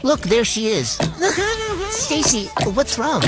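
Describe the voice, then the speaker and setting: A teenage girl stuck with a wobbly old grandma voice, as a woman puts it on, her pitch swooping up and down. She sounds whiny and put-upon in a short comedy skit, with music playing underneath. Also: sing-song, slow pace, exaggerated voice. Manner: quavering put-on old-lady voice. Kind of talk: acted POV skit.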